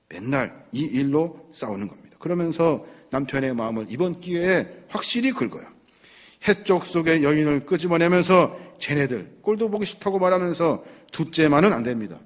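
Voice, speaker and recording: A male pastor preaching a sermon, telling the story with dramatic flair and acting out the characters' pleas. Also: fairly high pitch. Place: church sanctuary.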